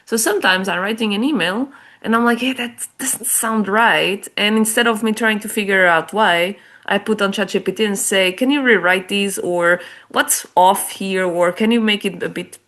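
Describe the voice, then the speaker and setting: A guest author who leads business development talks through her ideas at normal speed in a mid-range, slightly bright voice. Her English carries a Portuguese accent, as she is not a native speaker, and the casual, chatty interview features frequent restarts and small laughs.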